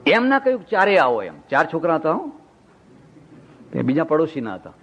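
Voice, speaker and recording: An older man giving a storytelling sermon as a monk, animated and acting out the people in his stories. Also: a little high, normal speed. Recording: dull lo-fi recording.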